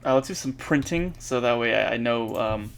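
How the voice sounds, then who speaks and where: A man thinking aloud while he codes, halting and correcting himself, with many fillers. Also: medium pitch, creaky. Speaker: programmer streaming his coding practice. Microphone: earbuds mic.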